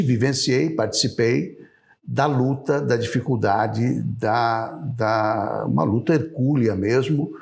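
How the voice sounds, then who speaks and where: A man's voice: mid-range voice, gravelly, darkish tone. A man hosting an interview, asking chatty, admiring questions and often adding "né?" tags. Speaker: interview host. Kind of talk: interview conversation.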